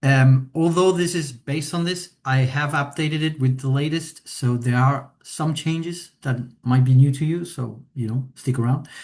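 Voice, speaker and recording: In a mid-range voice, a Chilean-born man presents a software webinar as an implementation consultant, stepping through his slides. He hesitates often, leaning on fillers and tag questions.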